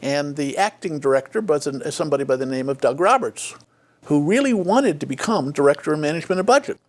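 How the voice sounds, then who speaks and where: A man's voice: a little high, animated, fast, darkish tone. An older man telling stories from his career in a reflective interview, with many restarts. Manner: frequent fillers and restarts, acts out quoted dialogue. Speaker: interview guest, former state official.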